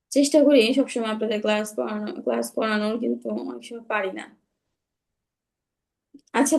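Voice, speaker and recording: A sick young woman, her voice a little high and darkish, teaches Quran recitation rules online. She stays patient, going through the rules slowly and repeatedly while checking her students' understanding.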